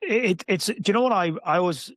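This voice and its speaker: Man, mid-range voice, thoughtful co-host, slows down to explain, very dry room. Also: sits high, dry recording. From Wales. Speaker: co-host, former rugby player. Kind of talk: casual podcast chat.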